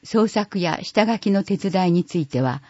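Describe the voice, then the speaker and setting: A reader calmly working through an audio newsletter at a measured, even pace. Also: medium pitch, no echo. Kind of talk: read-aloud audio newsletter. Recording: dull lo-fi recording, dry.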